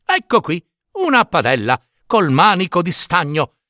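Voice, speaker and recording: A cheeky young peasant fool who drawls slowly and brightly, never flustered, as a storyteller puts him on. His voice rises a little above the reader's own and lifts eagerly. The recording is dry and close. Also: sits high, huge pitch swings, no room sound, pitched above the performer's own voice, full character voice. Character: bold foolish young peasant man, cheeky and unflustered.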